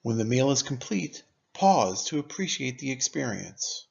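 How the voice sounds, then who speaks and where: A man narrates a scripted guided meditation in a measured, instructive way, deliberately pausing between phrases. His medium-pitched voice has big pitch swings and vocal fry, and the recording sounds muffled.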